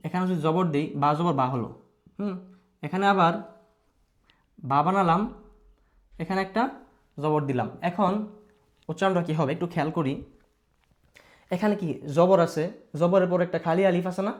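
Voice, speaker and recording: A fairly high-pitched man with a Bangladeshi Bengali accent teaches Quran recitation. He repeats each rule patiently and checks in with his pupils. He stretches out sounds as he models them. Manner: patient, repetitive, asks pupils questions and models drawn-out sounds. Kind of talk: recitation lesson.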